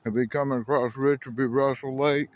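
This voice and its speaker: A man's voice: medium pitch, fairly even intonation, brisk, muffled recording. A middle-aged man from South Carolina, rambling casually as he films by a rural road and railroad, often correcting himself. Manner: folksy, rambling, self-correcting. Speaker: railfan vlogger. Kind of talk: casual outdoor narration. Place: outdoors by a rural highway and railroad.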